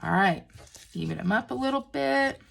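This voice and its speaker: A woman demonstrating stamping crafts, gushing and excitable as she talks while working with her hands. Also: a little high, moderate pace, vocal fry. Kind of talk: crafting tutorial.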